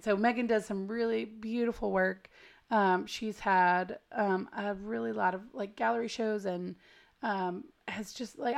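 Female American podcast host, gravelly, smoky and hoarse from a cold, creaky mid-pitched delivery, chatty, self-deprecating and informal. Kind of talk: casual podcast intro chat. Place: at home.

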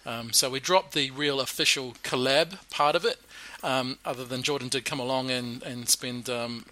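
A man's voice: mid-range voice, steady tone, normal speed, bright, forceful tone, no room sound. A man talking casually as a guest brewer on a podcast, recorded live in a small back room, explaining matter-of-factly with dry humour. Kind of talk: casual podcast interview, telling brewing stories.

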